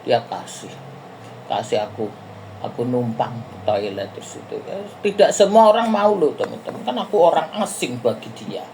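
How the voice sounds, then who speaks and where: A woman's voice: a bass voice, very animated, moderate pace, dark tone, slight background noise. A middle-aged woman from Indonesia, casually telling her viewers a rambling travel story and often calling them friends. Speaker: vlogger.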